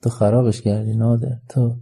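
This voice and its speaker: A man's voice: medium pitch, flat delivery, creaky, warm tone, slightly rough. A man voicing a shy, proper young woman who scolds and pleads in a raised voice, read as part of an audiobook story. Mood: reproachful. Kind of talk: audiobook character reading.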